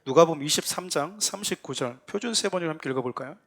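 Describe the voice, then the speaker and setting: A man's voice: a little high, expressive, fast talker, gravelly, fairly bright tone. Earnest Korean man preaching a sermon. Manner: earnest, rising to emphatic exhortation with acted quotes. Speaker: pastor. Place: church sanctuary.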